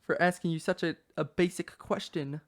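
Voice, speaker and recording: A young man co-hosting a podcast in loose, casual conversation. He teases his co-host and reacts excitably, with some swearing. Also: a little high, a little fast. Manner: teasing, excitable banter.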